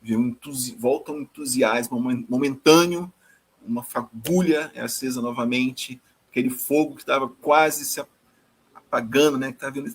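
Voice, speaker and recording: Husky male teacher, devotional scripture talk, mid-pitched, repeats himself, ends phrases on "né?". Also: fairly bright tone, rough recording. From Brazil. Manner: tags nearly every phrase with a questioning "né?"; repeats and restarts words while searching for phrasing. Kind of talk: scripture reading and commentary.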